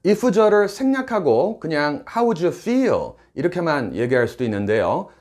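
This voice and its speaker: A middle-aged man who teaches English, explaining phrases clearly and with emphasis in a scripted lesson. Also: mid-range voice.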